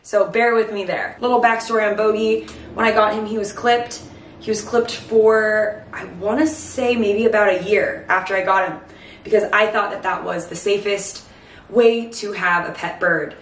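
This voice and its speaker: A woman's voice: medium pitch, steady tone, moderate pace, a little hiss or hum. A woman in her thirties giving chatty, explanatory tips to camera in a casual way, a little short of breath. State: breathless from late pregnancy. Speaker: host of a pet bird channel. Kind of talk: casual instructional talk to camera. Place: home kitchen, indoors. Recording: echoey kitchen, distant mic.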